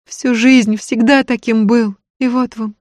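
A woman's voice: medium pitch, normal speed, darkish tone, no echo, voice pushed up, lightly acted. A woman voicing a tearful, self-blaming young peasant woman who talks in plaintive, folksy village speech. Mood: sobbing, self-reproach.

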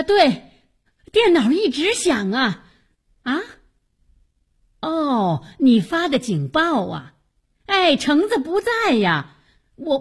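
Fussy old Beijing granny, high lively stammering radio comedy voice. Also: female voice, heavily acted. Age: older. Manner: flustered, stammering, many exclamations. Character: fussy flustered old grandma, Grandma Meng.

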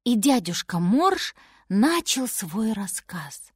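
A woman narrating a children's fairy tale in an audiobook, expressive and unhurried. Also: mid-range voice, dry recording, clean studio sound.

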